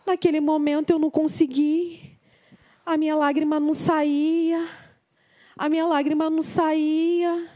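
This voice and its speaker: Brazilian woman, grieving mother, high mellow voice, halting and repetitive, near tears. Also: level tone. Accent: Brazilian Portuguese. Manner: halting, repeats phrases over and over. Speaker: mother giving testimony. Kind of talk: emotional personal testimony.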